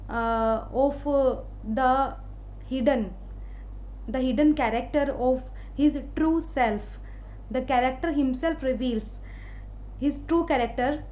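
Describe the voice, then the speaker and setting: High-voiced woman giving a literature lecture. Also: mellow. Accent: Indian English. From India. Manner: explains slowly with many "uh" fillers. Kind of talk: recorded lecture.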